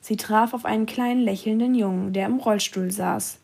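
Woman reading a kids story, calm and even, gravelly voice. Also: medium pitch, moderate pace.

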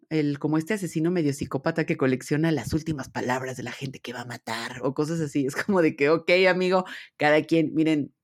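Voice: mid-range voice, darkish tone. A podcast host in their thirties with a Mexican accent, chatting casually and animatedly about an anime, full of slang and fillers. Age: 30s. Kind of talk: casual anime review chat.

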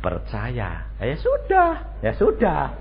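A male pastor preaches a sermon, telling stories animatedly and acting out the dialogue in different voices. He speaks slowly in a medium-pitched voice with vocal fry. The recording is a dull, lo-fi radio stream with faint noise.

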